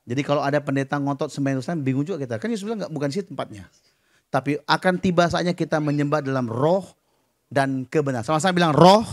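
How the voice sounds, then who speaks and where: A middle-aged man preaching a sermon at a church service, lively and joking, dropping English words and acting out voices. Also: fairly high pitch. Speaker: pastor.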